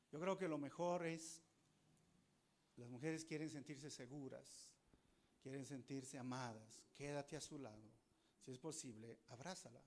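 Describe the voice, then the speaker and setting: Man, Peruvian Spanish accent, pastor, slightly high voice, chatty sermon, quick asides. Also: a little mellow. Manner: conversational preaching, acting out quoted voices.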